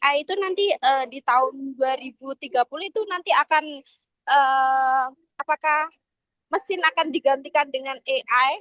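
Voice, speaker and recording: A woman's voice: high-pitched, fairly bright tone, no echo. A woman asking a hesitant, polite question over a video call, her audio choppy and breaking up. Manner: hesitant, polite, halting with fillers. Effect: choppy video call audio that keeps breaking up. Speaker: webinar participant asking a question.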